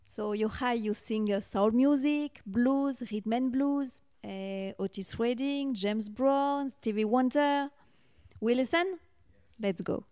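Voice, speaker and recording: A middle-aged woman host asks her questions slowly and carefully. Her voice is smooth and clear, and the sound is close and dry with no room echo. She holds a handheld mic in a small living room. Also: a little high, warm tone, faint music behind. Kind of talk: interview questions.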